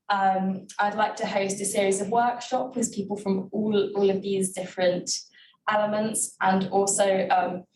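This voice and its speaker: A woman's voice: medium pitch, a little mellow. A young adult woman, an election candidate answering hustings questions earnestly, with many fillers and restarts. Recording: echoey room from far off, faint hiss.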